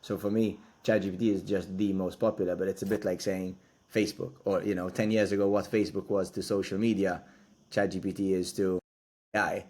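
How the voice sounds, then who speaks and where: A man co-hosting a podcast in casual chat, explaining things in a measured way and correcting his co-host. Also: low voice, little pitch movement, darkish tone.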